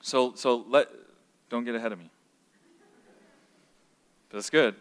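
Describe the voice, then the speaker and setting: A pastor leads an interactive Bible class at a slow pace, putting questions to the room. When he stresses a point, his voice climbs in pitch and volume, and a long hall reverb trails his words.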